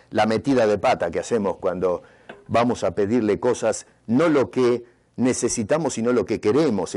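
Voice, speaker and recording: A male pastor preaching a sermon in an emphatic, sometimes sarcastic way, dropping his voice low on key words. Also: a little mellow. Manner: emphatic, sarcastic preaching with sudden drops in pitch. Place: church retreat.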